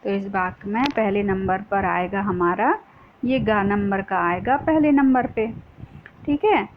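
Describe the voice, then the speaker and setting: A female teacher patiently explains a school lesson to young pupils, often posing a question and then answering it herself. Her voice is medium-pitched and unhurried, and the sound is dull and lo-fi with faint noise.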